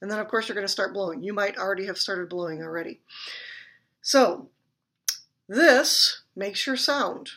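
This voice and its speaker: Lady teaching clarinet, bright clear voice, chatty and friendly, laughs at herself. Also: medium pitch, moderate pace, pauses often. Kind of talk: instructional demonstration.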